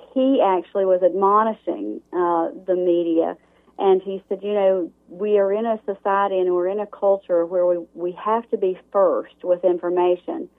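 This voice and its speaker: A woman who hosts a morning radio show, a guest on a talk show, speaking emphatically in long run-on sentences. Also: fairly low pitch. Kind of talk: talk show interview over the phone. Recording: tinny phone line.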